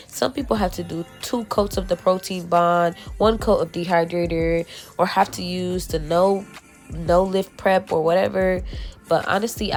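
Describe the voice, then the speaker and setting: A woman nail tech with a slightly low voice narrates her work in a chatty, emphatic, slangy way. She sounds stuffy from a cold. Faint music plays under her voice-over. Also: a little mellow. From South Florida. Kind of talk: casual voice-over tutorial.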